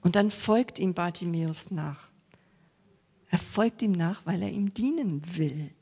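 A woman's voice: fairly low pitch, expressive, measured pace, creaky, a little mellow, slightly rough. A woman preaching a sermon who retells a Bible story and asks her listeners direct questions.

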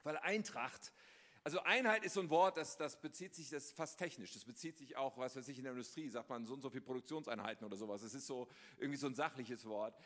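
A married man preaching as a guest pastor. He moves between loud, emphatic reading and a hushed, quiet prayer voice. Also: medium pitch, fast, big-room sound. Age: adult, married. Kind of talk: sermon with prayer. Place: church.

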